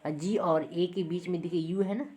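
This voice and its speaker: A woman's voice: on the low side, fairly even intonation, moderate pace, dark tone. A woman, teaching a lesson step by step and checking in with her students after each point. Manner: repeats points, checks in with "ठीक है". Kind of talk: classroom lesson.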